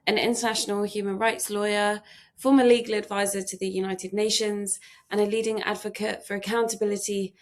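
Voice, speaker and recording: Female podcast host, gravelly, measured interviewer who hedges her questions. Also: mid-range voice. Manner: reads a formal introduction, then asks questions with hedging restarts.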